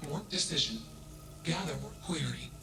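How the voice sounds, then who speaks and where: A man voicing an emotionless male AI that speaks in flat, clipped keywords, in video game dialogue with an echo and music underneath. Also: fairly high pitch, moderate pace, creaky. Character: emotionless male AI mind, cold and literal. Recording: echoey game audio over music.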